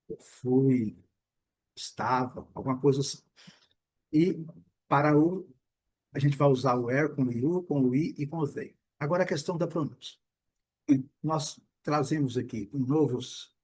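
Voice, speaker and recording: A man teaching English pronunciation in Portuguese, patiently repeating each word slowly and correcting himself as he goes. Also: mid-range voice, darkish tone, breathy edge. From Brazil. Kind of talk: explaining pronunciation with repeated examples.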